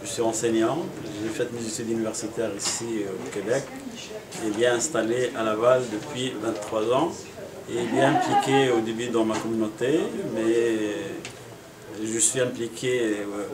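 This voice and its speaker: A middle-aged Moroccan man running as a municipal election candidate answers interview questions earnestly and in a measured way, pausing frequently. His voice is mid-range, and the room is echoey.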